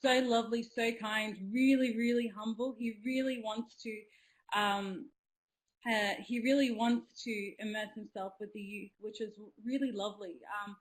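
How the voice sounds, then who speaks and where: A young woman from Australia talks through a webinar over a video call from a small room at home. Her voice sits a little high, and she is eager and earnest, restarting often and padding with ums. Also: fairly even intonation, moderate pace, low-quality recording. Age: young adult. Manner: chatty, many ums, earnest and enthusiastic. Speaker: youth representative. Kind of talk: webinar talk.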